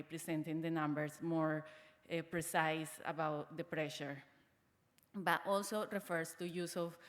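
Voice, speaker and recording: A middle-aged woman from Colombia, speaking English as a conference speaker, hesitant with frequent fillers and restarts. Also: fairly low pitch. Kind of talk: conference presentation. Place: conference hall. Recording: large hall with long reverb.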